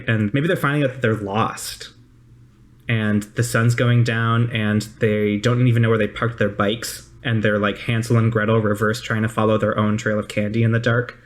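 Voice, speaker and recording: Very deep-voiced woman narrating a game. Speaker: game master.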